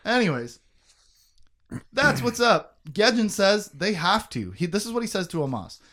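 Male podcast host, lively and jokey, slightly high-pitched, swears freely. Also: brisk. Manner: animated, joking, laughs often, swears. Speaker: podcast host recapping a book. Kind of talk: casual chat.

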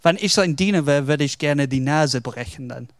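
Brief: man playing an unshaken prophet, low, soft reassurance, dry close sound. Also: normal speed, no room sound, close to an everyday voice. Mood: reassuring. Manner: soothing, reassuring.

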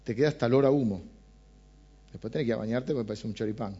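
This Argentine-accented man races through a chatty, conversational sermon on a Bible passage, frequently putting questions to the congregation. His medium-pitched voice has a dark tone, and the recording's highs are cut off.

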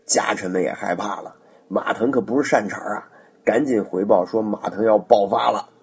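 A man narrates a tale in a chatty storytelling manner and keeps tossing in asides. His voice is low and husky, and the recording sounds muffled and lo-fi. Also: moderate pace. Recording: dull lo-fi recording.

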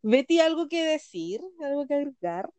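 A Chilean woman co-hosts a casual podcast, and her voice sits high and playful. She teases and giggles her way through the chat. The sound is close and dry, with no room around her. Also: moderate pace, no room sound. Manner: giggly, teasing, excitable. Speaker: podcast co-host.

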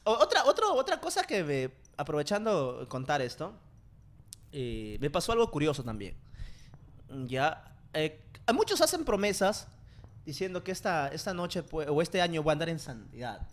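A man's voice: on the high side, moderate pace. A young man, chatting casually as a co-host and telling stories with lots of laughter and acted-out quotes. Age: 20s. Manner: animated storyteller, laughs often, acts out quotes. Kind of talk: casual chat.

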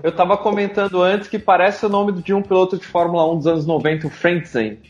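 A cheerful, jokey man co-hosts a casual podcast in a high, light voice. Faint music sits behind him. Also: steady tone, fast, muffled recording. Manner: cheerful, jokey, rattles off contact details. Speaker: podcast co-host.

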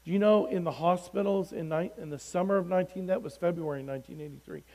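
A man's voice: high-pitched, quick pace, poor audio. A middle-aged man sharing his personal testimony in a church service, speaking earnestly and rising in volume when he reads scripture aloud. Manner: earnest, swells loudly when reading scripture. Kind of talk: testimony sermon.

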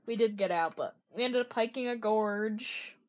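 A woman chatting casually with friends, telling a story with lively quoted voices and frequent laughs. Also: a little high, moderate pace, slight background noise. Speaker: friend recounting a trip. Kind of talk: casual chat.

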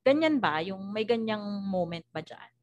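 Woman, from the Philippines, interview host, polite, asks long questions, laughs a lot, mid pitch. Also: expressive, normal speed, darkish tone, no room sound, muffled recording. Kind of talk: casual interview chat.

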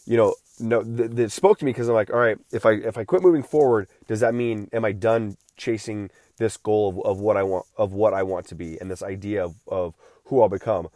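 A man in his late thirties talks alone into the mic in a loose, rambling way, circling back and restarting his sentences. His voice sits low, and the recording is dry with no room sound. He has been unwell lately but keeps talking. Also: brisk, mellow, no room sound. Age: 30s. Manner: rambling, with many restarts and filler words. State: recovering from feeling unwell. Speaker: podcast host. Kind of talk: casual solo podcast monologue.

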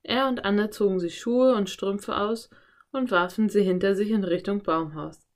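A woman narrating a children's audiobook in a calm, clear storytelling voice. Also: medium pitch, moderate pace.

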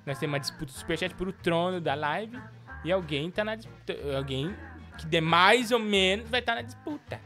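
Teasing male live-stream host, animated intonation, background music. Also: high voice, brisk. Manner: playful, teasing, mock-outraged. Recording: music playing behind.

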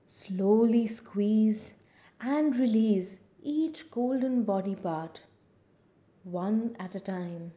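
Female relaxation guide: hushed spa-style near-whisper, very warm and mellow, unhurried short soothing phrases. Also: mid-range voice. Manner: slow, soothing, with long pauses between short phrases. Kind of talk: scripted guided body-relaxation meditation.

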